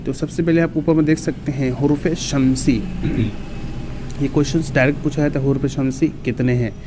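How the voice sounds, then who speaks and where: A man's voice: medium pitch, fairly even intonation, normal speed, background noise. A male teacher giving an exam-prep grammar lesson, patiently explaining step by step and reciting lists of letters.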